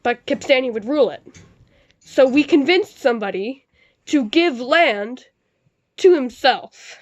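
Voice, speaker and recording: A woman playing a sarcastic male news anchor, reading her reports in a deadpan tone with dry asides. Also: high voice, measured pace. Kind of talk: amateur mock newscast.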